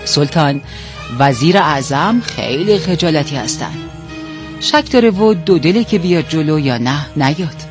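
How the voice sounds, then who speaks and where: A man voicing a sly, flattering male fox who talks others round with persuasive words. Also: fairly high pitch, music in the background, lightly acted. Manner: wheedling and persuasive.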